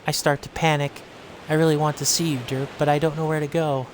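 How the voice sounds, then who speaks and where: A man voicing a gentle young woman heroine in his own voice, reading game dialogue in an earnest, soft way. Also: fairly high pitch, flat delivery, fairly quick, a little hiss or hum, lightly acted, rough recording. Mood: wistful.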